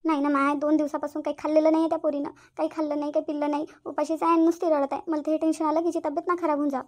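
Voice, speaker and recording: Brief: fretful cartoon village mom, voiced by a woman, brisk scolding. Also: high-pitched, flat delivery, darkish tone, natural voice. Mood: worried. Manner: fretful, scolding, sighing complaints. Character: worried middle-aged village mother, weary. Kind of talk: cartoon voice acting.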